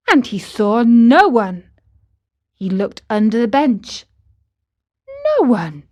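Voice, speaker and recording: Brief: female storybook narrator, deliberate pace for learners, slightly high voice. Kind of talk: slow scripted story reading for English learners.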